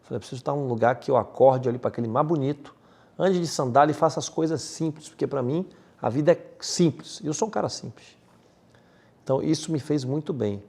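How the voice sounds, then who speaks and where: A man from Salvador, speaking as a podcast guest in an energetic, slangy, emphatic way. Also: medium pitch, gravelly, husky. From Salvador, Bahia, Brazil. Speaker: guest, M&A advisor. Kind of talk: casual podcast interview.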